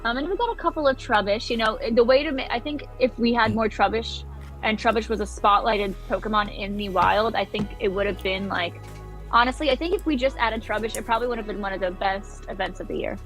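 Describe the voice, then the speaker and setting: A woman's voice: fairly high pitch, a little fast, a bit bright, soft background music. A woman guesting on a casual livestream chat, talking eagerly in long rambling runs. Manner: eager, rambling, many fillers and restarts.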